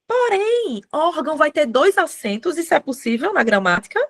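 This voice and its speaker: A woman's voice: sits high, expressive, brisk, fairly bright tone. Chatty woman teaching a class. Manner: chatty, addresses students as gente, many tag questions. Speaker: writing teacher. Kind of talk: live class lecture.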